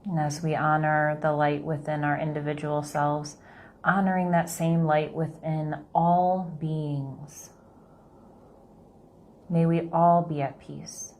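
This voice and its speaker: A woman leading a guided meditation in a calm, low, unhurried manner.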